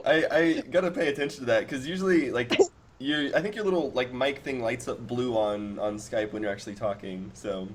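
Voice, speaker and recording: A man's voice: mid-range voice, normal speed. A man of twenty chatting casually with viewers on a live stream over a video call headset, rambling and laughing, with many restarts. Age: 20s. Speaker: cannabis streamer. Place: small home room, indoors.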